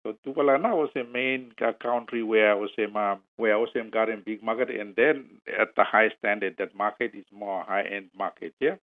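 A man with a Solomon Islands accent answering interview questions haltingly in Solomon Islands Pijin mixed with English. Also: on the low side, fairly even intonation. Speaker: company marketing manager being interviewed. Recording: tinny, phone-like radio audio.

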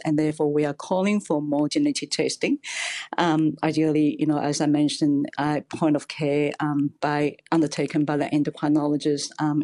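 A woman's voice: sits low, mellow. A woman speaking as a guest expert in a radio interview, hesitant and full of fillers.

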